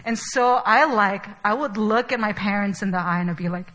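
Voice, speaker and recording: A woman's voice: medium pitch, a little fast, a bit bright, rough recording. A young adult woman from Chile giving a sermon in a casual, chatty way, with many fillers. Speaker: preacher.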